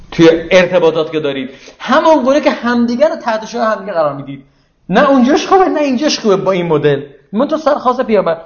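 A man giving an informal religious lecture, explaining verses conversationally and asking the audience rhetorical questions. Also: high voice. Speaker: religious teacher. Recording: echoey, dull lo-fi room recording.

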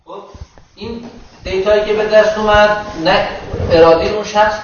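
A man's voice: sits high, steady tone. A male student in a classroom discussion, asking questions and working through an argument. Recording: distant, echoey, noisy lo-fi.

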